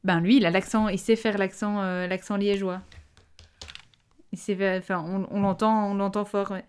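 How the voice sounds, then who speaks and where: A woman's voice: medium pitch, little pitch movement, normal speed, clear, resonant tone. A young Belgian woman co-hosting a podcast in casual chat, with a Belgian French accent, often hesitating and restarting with fillers. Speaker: podcast co-host.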